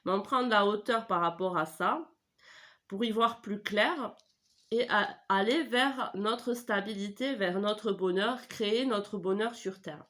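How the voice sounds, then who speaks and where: Speaking a little slowly, this middle-aged tarot reader has a medium-pitched, slightly bright voice thickened by a stuffy head cold. She does a casual reading at home into a desk mic, wandering off track, hesitating and correcting herself often.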